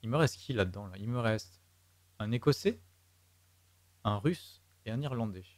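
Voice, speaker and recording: A man's voice: on the low side, expressive, normal speed, dry recording. A man with a French accent streaming a game, thinking aloud and muttering to himself and his chat as he works through a puzzle. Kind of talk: live let's play commentary.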